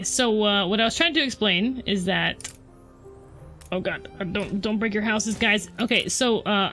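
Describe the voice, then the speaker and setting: A woman's voice: mid-range voice, a bit bright. Chatty woman narrating her own gameplay. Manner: chatty, self-deprecating, talks to viewers. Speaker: let's play host. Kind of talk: casual gameplay commentary.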